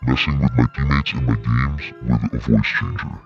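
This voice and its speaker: A man talking through a voice changer that drops his voice into a deep pitch-shifted tone, in a casual tech vlog. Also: steady tone, moderate pace, faint music behind. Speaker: tech vlogger. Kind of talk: casual product review. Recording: dull lo-fi voice changer output.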